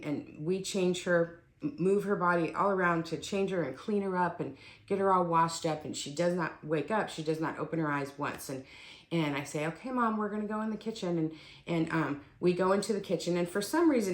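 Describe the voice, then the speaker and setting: Low-voiced woman telling a caregiving story. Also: reverberant. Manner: conversational, many fillers and restarts. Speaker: family caregiver sharing a personal story. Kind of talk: casual personal storytelling.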